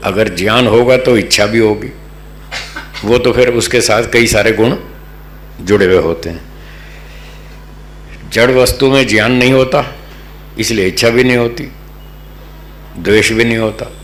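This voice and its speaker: A man from North India teaching a patient, slow scripture lesson to a live group, often checking that they follow. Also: on the low side. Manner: patient, checks understanding with the audience. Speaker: religious teacher. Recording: echoey room, faint hum.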